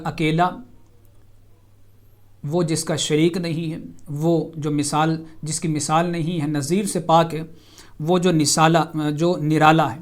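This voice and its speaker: Man teaching tajweed on television. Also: on the high side. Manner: patient, explains each term step by step; slows and stresses example words. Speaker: Quran recitation teacher. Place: television studio.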